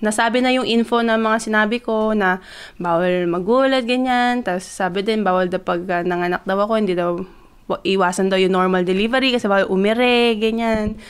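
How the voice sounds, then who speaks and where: A young woman with a smooth, clear voice at an everyday middle pitch. She tells a personal story in a loose, chatty vlog, switching between Tagalog and English with plenty of fillers, and she gets more excited as she goes. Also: a little fast. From Philippines. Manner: grows excited as she retells. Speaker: vlogger. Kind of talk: casual personal testimony.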